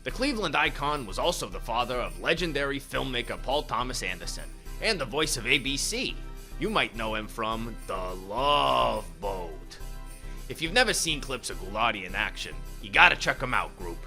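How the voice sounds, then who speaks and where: A man's voice: medium pitch, big pitch swings, moderate pace, sharp tone, faint music behind, exaggerated voice. A man playing a jolly ghoul horror host, presenting in a campy, theatrical way with slangy, folksy address to his audience. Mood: delighted, showy.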